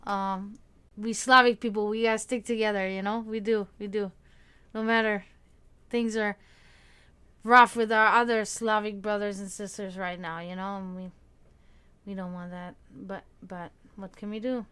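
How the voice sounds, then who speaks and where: Fatigue shows in this Serbian-accented woman's steady, mid-range voice, which is fairly bright and smooth. As a livestream host chatting with viewers, she drifts and hesitates, frequently restarting and filling gaps with fillers.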